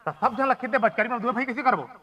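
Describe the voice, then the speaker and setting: A man's voice: extremely high pitch, quick pace, pushed and bright, highs cut off. A man with a Chhattisgarhi accent doing stage comedy banter as a folk comedian, arguing back animatedly.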